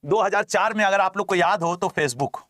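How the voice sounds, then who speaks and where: A man's voice: high voice, normal speed, a bit bright. A man teaching an exam-prep class in a teasing, chatty way, repeating key terms, with a regional lilt.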